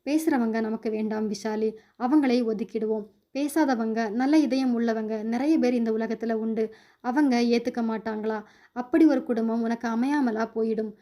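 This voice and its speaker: A woman voicing a calm, kind young widower. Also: a little high, normal speed, lightly acted. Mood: reassuring.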